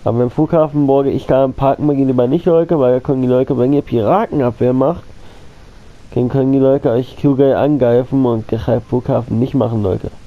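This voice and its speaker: The audio is narrow and tinny, carrying a medium-pitched male voice with fairly even intonation and a slightly fast pace. He is a gaming channel host with a cold who coughs now and then, rambling casually over his gameplay, repeating himself, and treating his viewers as friends.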